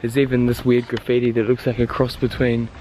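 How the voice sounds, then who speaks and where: Holding his camera at arm's length, a man narrates an informal vlog as a travel photographer, roaming outdoors and through large abandoned factories with enthusiasm. His medium-pitched voice is completely flat, a little fast and slightly mellow, on a rough recording with slight background noise.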